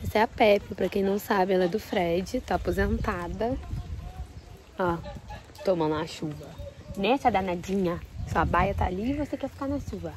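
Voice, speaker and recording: A woman's voice: medium pitch, moderate pace. A Brazilian woman vlogging by hand outdoors in the rain, shaken and trembling with nerves as she talks to her viewers. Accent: Brazilian Portuguese. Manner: shaky and nervous, shouting at a horse. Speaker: vlogger with horses. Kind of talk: casual vlog talk to camera. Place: outdoors in the rain at a horse farm.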